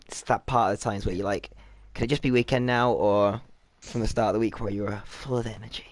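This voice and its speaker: A man's voice: on the low side, fairly even intonation, fairly quick, no echo. Chatty man hosting a casual podcast. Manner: chatty, informal, jokey. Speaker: podcast host. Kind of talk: casual gaming podcast interview.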